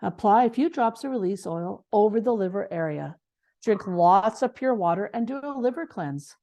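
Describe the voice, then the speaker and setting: Woman co-teacher, mellow tone, passionate, rambling delivery with stumbles. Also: medium pitch, expressive, normal speed. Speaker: essential oils class co-teacher. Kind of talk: casual online class.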